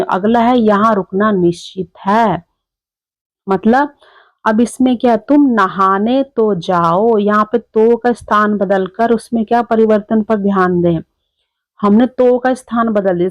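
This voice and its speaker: A woman teacher explaining a lesson step by step, often pausing to check with "theek hai". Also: medium pitch, no echo, lo-fi sound.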